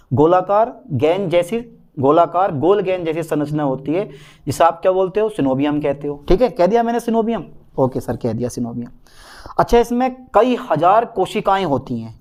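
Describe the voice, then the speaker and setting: A man's voice: sits high, a little mellow. A male botany teacher giving an online exam-prep lesson, repeating key points and reassuring his students.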